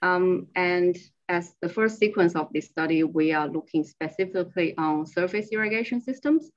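A woman's voice: lowish voice, moderate pace, muffled recording. A woman research associate giving a slide presentation over a remote screen-share call, explaining her work step by step.

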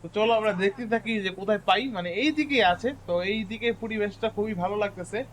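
A man giving casual gameplay commentary, chatting to his viewers and repeating words when excited. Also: high voice, a little fast, a little hiss or hum. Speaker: gaming YouTuber.

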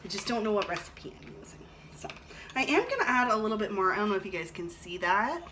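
Quick and lively, with a medium-pitched voice, this thirty-something vlogger chats casually while demonstrating a recipe and reviewing a product indoors at home. The camera sits about an arm's length off, and the kitchen is noisy with clattering dishes and clicks.

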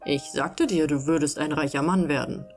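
A woman's voice: low-pitched, normal speed, soft background music. A woman playing a sly little old fairy man. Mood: knowing.

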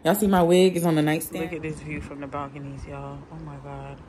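Holding her phone at arm's length indoors in villa rooms, a young woman travel vlogger talks informally and slangily to camera, fairly quickly and in a level tone. Her voice sits low, with a crowd audible behind her in the noisy handheld audio.

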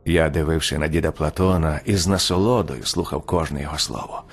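A man narrating a war story in an audiobook, measured storytelling. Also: very deep voice, breathy edge, faint music behind.

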